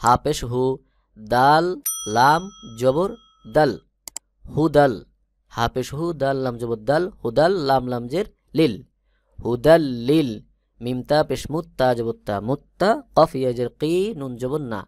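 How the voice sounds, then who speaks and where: A man teaching Quran reading, spelling each syllable slowly and then chanting it in a drawn-out melody. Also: medium pitch, no echo. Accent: Bangladeshi Bengali. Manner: explains rules in quick, soft speech. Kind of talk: Quran recitation lesson, spelling letters aloud.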